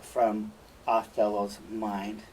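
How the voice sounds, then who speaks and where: A man reading the part of Desdemona, a gentle and troubled young wife, in a class reading of a play. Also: lowish voice, completely flat delivery, very slow. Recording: distant mic, faint room noise.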